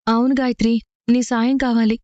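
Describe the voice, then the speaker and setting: A woman's voice: a little high, little pitch movement, moderate pace, a little mellow, no echo, dull audio, close to an everyday voice. An actress playing an earnest, persistent young married woman who is asking for help. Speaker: actor in a TV serial. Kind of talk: TV serial acting.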